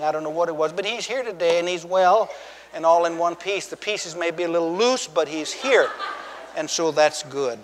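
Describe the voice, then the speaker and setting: Male pastor, folksy joking sermon delivery, slightly high voice, long church reverb. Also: a bit bright, slight background noise. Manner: folksy, joking storyteller with repeated restarts.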